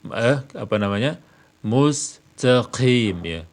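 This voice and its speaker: A man teaching correct recitation, explaining points patiently with frequent "ya" and drawn-out recited verses. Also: fairly low pitch, animated. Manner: repeats "ya" often, drawls verses slowly. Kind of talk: explanatory religious lesson.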